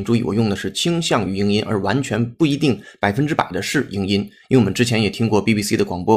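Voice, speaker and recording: A man teaching an English pronunciation lesson, explaining at length and spelling words out letter by letter. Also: mid-range voice. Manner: explanatory, spells words out and repeats them slowly.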